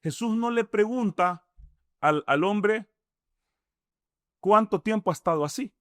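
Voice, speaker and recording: Salvadoran man, high-ish voice, dry close sound, imam guest explaining step by step with rhetorical questions. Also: a little slow, fairly bright tone, no echo. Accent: Salvadoran Spanish. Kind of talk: conversational explanation.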